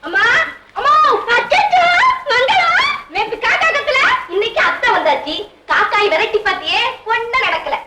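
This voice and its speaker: An excitable chattering aunt, very high-pitched. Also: female voice, fairly quick, echoey room. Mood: excited. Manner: exclaims often, laughs through sad news. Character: chatty excitable aunt who left her husband. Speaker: visiting aunt. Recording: noisy old film soundtrack.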